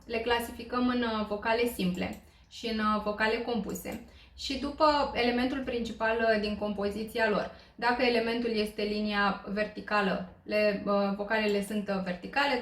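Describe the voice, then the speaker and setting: A woman from Romania leads a beginners' language lesson, patient and explanatory, often pausing on small fillers. Her voice sits slightly high. The sound carries a noticeable room echo. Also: fairly bright tone. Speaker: Korean language teacher. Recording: roomy echo.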